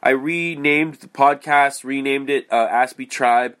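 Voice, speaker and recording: Sounding congested and nasal, a podcast host talks on his own in a loose, rambling way, full of fillers and false starts. His medium-pitched voice stays steady and fairly bright, moving a little slowly.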